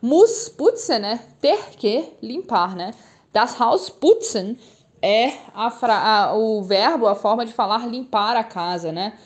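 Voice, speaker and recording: A woman's voice: fairly high pitch, animated, slow pace. A young woman teaching German, speaking patiently and repeating phrases for learners. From Brazil. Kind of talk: language lesson.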